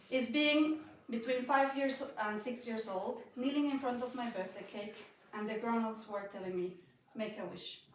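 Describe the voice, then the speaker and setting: Nervously reading a personal talk to an audience, a young Spanish-native woman from Mexico and Austria speaks in a shaky voice broken by small laughs. Her pitch is a little high, and the recording carries some hiss or hum. She's at a building inauguration in an echoey event hall, distant from the mic.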